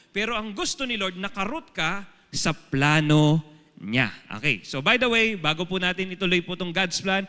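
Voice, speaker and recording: A man's voice: high voice, sharp tone, in a large hall. A Filipino man preaching a sermon as pastor to a congregation, firing rhetorical questions at them. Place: church hall.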